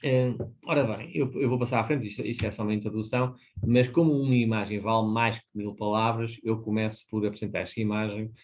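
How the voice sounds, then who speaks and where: A man in his fifties with a European Portuguese accent, speaking in a fairly low voice. He presents a webinar in an explanatory way, hesitating often and checking in with tag questions. The sound comes through a dull, lo-fi video call microphone. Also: steady tone, quick pace, darkish tone. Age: 50s. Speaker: webinar presenter on business financing.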